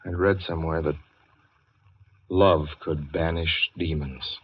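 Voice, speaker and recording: A man's voice: rumbling low, steady tone, slow pace, slightly rough, exaggerated voice. An actor playing a haunted, frightened young man in a 1940s radio drama, dramatic and nervous in manner. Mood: haunted, brooding. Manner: brooding, dramatic, breaking into nervous stammering. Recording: muffled old radio recording with music.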